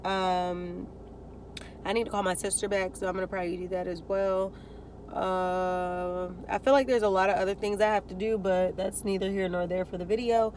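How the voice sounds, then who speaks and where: A woman's voice: mid-range voice, fairly even intonation, normal speed, darkish tone, a little hiss or hum. A young woman chatting casually to a phone camera on the dashboard while sitting in a parked car, rambling and upbeat. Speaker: vlogger. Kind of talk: casual vlog talk to camera. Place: parked car, indoors of vehicle.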